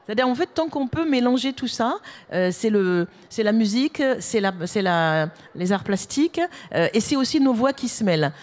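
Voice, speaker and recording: A woman's voice: fairly high pitch, animated, moderate pace, a little mellow. A woman author and publisher on a panel discussion, telling anecdotes with enthusiasm.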